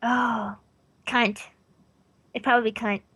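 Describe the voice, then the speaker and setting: A woman's voice: fairly high pitch, flat delivery, measured pace, a bit bright, slightly rough. A young woman in her twenties, a streamer being interviewed, chatting casually in a bubbly, giggly way and swearing freely. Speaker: guest streamer.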